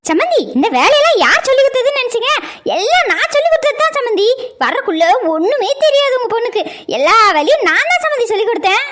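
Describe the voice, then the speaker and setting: A woman performing a mother-in-law character in a village family comedy skit, loud and drawling. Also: very high-pitched, sing-song, quick pace.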